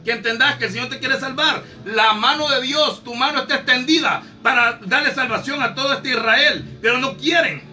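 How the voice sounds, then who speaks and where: A preacher with a very high, sharp voice, scolding his listeners in a fervent sermon. He keeps circling back with fillers and rhetorical questions. He is heard from a distance, with faint music underneath. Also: moderate pace, hardly any pauses.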